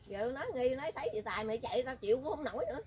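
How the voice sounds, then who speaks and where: A woman chats casually, telling a story with a teasing, talkative manner. Her voice sits a little high, and a faint noise runs behind the recording. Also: rapid-fire, a little mellow. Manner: chatty, teasing, rural colloquial speech. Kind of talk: casual chat.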